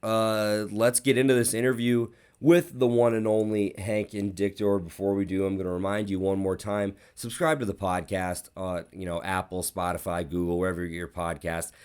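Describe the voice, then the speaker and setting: Man, podcast host, low-ish voice, casual rambling, swears a lot, animated. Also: normal speed, few pauses, clear, resonant tone. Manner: profane, rambling, animated storytelling. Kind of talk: casual sports podcast monologue.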